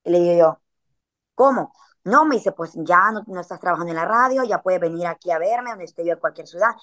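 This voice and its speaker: A woman's voice: lowish voice, quick pace, fairly bright tone. Slangy woman telling a story. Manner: chatty, slangy, drops frequent filler words. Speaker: podcast guest. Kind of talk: casual storytelling chat.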